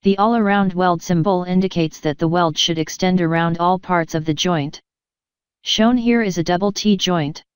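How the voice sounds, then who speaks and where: A woman with a clean-toned voice on the low side narrates from a script as an instructor, explaining technical content one step at a time in an even, measured way. The audio is dry.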